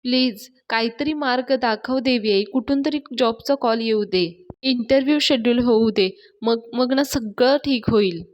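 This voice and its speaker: A woman's voice: a little high, unhurried, in a large hall, lo-fi sound, lightly acted. A woman voicing an anxious young woman murmuring a prayer for a job, in a serial recap. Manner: murmuring to herself, hopeful. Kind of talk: acted quotes in a serial recap.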